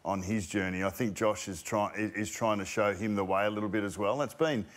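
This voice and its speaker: Low-voiced thoughtful pundit. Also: male voice. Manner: thoughtful, halting restarts. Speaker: panelist. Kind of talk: sports panel discussion. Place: TV studio.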